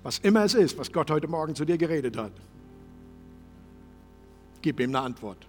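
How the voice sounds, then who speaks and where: A man preaching a sermon as pastor in a church service, passionate and shifting from loud to soft. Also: a little high, animated, normal speed, long reverb tail, faint music behind.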